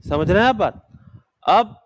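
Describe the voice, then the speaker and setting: A man's voice: sits high, expressive, unhurried, dull audio. A man teaching a geography class, asking his students questions and answering them himself, then dictating notes. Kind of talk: classroom lecture.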